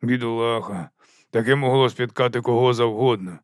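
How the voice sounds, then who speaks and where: A shabby old watch corporal who mumbles, wheezes and grumbles in a hushed, furtive voice, as a man puts him on for a storybook. It sits close and dry on the mic. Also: mid-range voice, normal speed, no room sound, close to an everyday voice. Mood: grumbling. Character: scruffy, wheezing, shifty older night-watch corporal.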